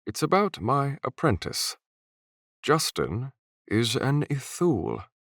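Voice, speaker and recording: A man voicing a weary, cautious old male mentor who speaks with grave, measured pleading. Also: mid-range voice, big pitch swings, creaky, fairly bright tone, no echo, clean studio sound, pitched above the performer's own voice, heavily acted.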